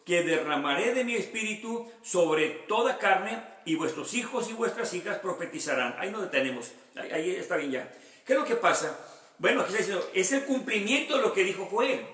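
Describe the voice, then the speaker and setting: Male pastor, conversational Bible teacher, high voice, roomy distant recording. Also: a bit bright. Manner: reads verses aloud, then explains them with personal anecdotes; conversational, many rhetorical questions. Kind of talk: Bible study sermon. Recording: echoey room, voice from far off the mic.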